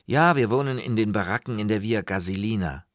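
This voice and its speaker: A man's voice: on the low side, a little fast, dry recording, clean studio sound, pitched above the performer's own voice, natural voice. A man voicing a skinny, cheerful twelve-year-old boy who asks eager childlike questions in an audiobook.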